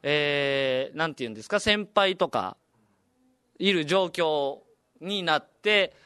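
Lively high-voiced Okinawan man. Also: slow, smooth, no echo. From Okinawa, Japan. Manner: animated, chatty, laughs while telling stories. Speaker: comedian and radio host. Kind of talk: casual storytelling chat.

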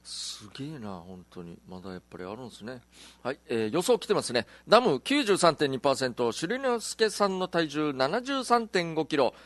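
Male host, lively intonation, jokey, reads mail on air. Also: a little high, normal speed, dry recording. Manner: joking, playful asides. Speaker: radio host reading listener mail. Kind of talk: casual radio chat.

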